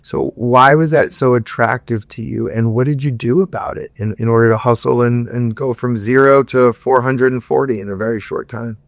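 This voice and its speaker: A man hosts a podcast with a smooth, resonant voice and a dry, close sound. He asks his questions enthusiastically, in quick bursts. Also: medium pitch, steady tone, dry recording. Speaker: podcast host, attorney. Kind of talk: interview conversation.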